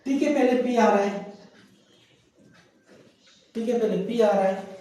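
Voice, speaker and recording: A man with a fairly high voice teaches a grammar lesson, spelling each word out and saying it over and over. He asks his students questions and then answers them himself. He sounds set back from the mic in a strongly echoing room. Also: slow pace, dark tone. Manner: spells words letter by letter and repeats them. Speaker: English teacher. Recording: very echoey room heard from a distance.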